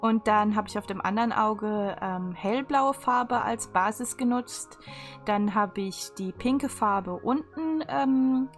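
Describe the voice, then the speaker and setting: Over background instrumental music, a video creator talks through a craft tutorial in a relaxed, off-the-cuff voice-over. She has a medium-pitched voice and speaks slowly in a chatty, casual way.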